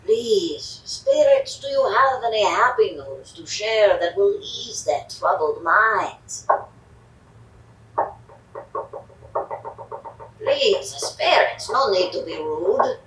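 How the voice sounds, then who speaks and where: A woman playing a grandiose fortune-teller medium in a Halloween audio drama, switching between hushed whispers and commanding cries. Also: medium pitch, big pitch swings, takes it slowly, hardly any pauses. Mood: pleading. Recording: echoey room, distant mic, faint noise.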